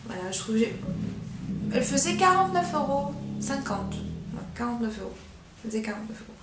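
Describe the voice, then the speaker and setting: A young woman chatting casually in a haul video, giggly and chatty, dropping into soft asides. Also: on the high side, big pitch swings, brisk, over loud music. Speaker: beauty vlogger. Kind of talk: casual haul vlog chat. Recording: echoey room.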